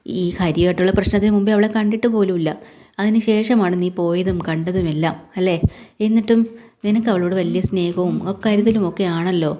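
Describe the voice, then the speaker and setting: A woman voicing a protective young man who questions and reassures in a mellow, low voice. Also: steady tone, moderate pace, close to an everyday voice. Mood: reassuring, curious.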